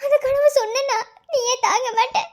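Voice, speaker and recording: A woman's voice: extremely high pitch, measured pace. A woman voicing a frightened, pregnant young woman in a cartoon love story, pleading and sobbing through her words. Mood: tearful pleading.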